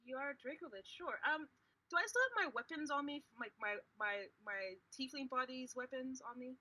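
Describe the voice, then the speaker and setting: A woman playing in a tabletop roleplaying game, improvising casually and often halting to search for words. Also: high voice, bright, forceful tone, poor audio.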